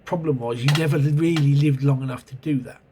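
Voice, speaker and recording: Speaking briskly in a mid-range voice over a noisy background, a man with a cold and sore throat rambles hesitantly about an old role-playing game. He's the host of a channel that reviews such games, and this casual spoken review, full of ums and self-corrections, was recorded at home on a camera mic.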